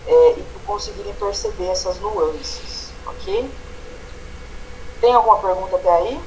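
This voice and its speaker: A man's voice: sits high, measured pace, a little mellow, slight background noise, low-quality recording. A man with a Brazilian accent teaching an online grammar lesson, explaining step by step and checking in with the students often. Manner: explanatory, tags phrases with "né?" and "tá?".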